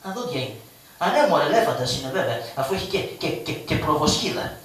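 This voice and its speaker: A man's voice: a little high, very animated, fairly bright tone, faint music behind. A man voicing a poor, cowardly, joking male trickster of shadow theatre, who stammers and babbles in fear on a live stage. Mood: puzzled joking. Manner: fearful comic babbling, stammers, calls on his mother. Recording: echoey live stage from a distance.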